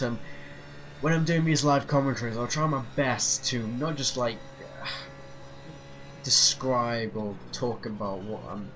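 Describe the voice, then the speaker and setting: A man with a mid-range voice and a stuffy cold hosts a sim racing channel, rambling casually while he drives a racing sim. He's hesitant, full of fillers and restarts. An off-center desk mic picks him up, with the racing game's engine noise clearly audible behind him.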